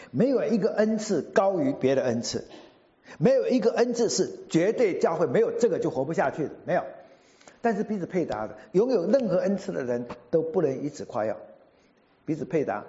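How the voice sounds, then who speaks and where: Lively storytelling male preacher. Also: fairly high pitch, highs cut off. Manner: animated storyteller, acts out quotes. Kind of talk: sermon with storytelling.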